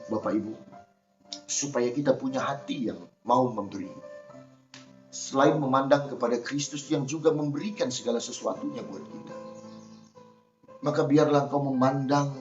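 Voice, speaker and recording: A man's voice: medium pitch, fairly even intonation, normal speed, long pauses. A male pastor preaching a Sunday sermon with emphasis, often speaking straight to the congregation. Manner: emphatic, addresses the congregation directly. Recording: roomy, dull, faint music behind.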